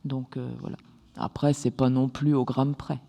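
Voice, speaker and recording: A woman's voice: extremely low pitch, flat delivery, moderate pace, vocal fry, warm tone, big-room sound, dull audio. A woman, a cooking guest, explaining a recipe in a friendly, precise way during a casual interview.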